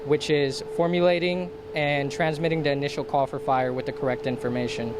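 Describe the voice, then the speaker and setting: In a formal, procedural tone, a man lists each step of a scripted military instruction. His voice is fairly high and his pace fairly quick, over clear, constant ambient noise.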